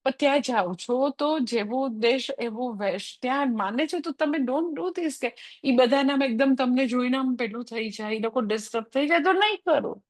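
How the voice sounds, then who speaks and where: A woman's voice: high-pitched, normal speed, dry recording. A woman spiritual teacher giving a scripture class in a conversational way, dropping English phrases into her talk.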